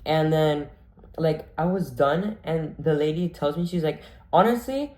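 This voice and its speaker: A man's voice: fairly high pitch, little pitch movement, a little slow, a little mellow. A young man telling a story casually, full of "like" and acted-out quotes. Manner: chatty, full of "like", acts out quoted voices. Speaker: vlogger. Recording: echoey room.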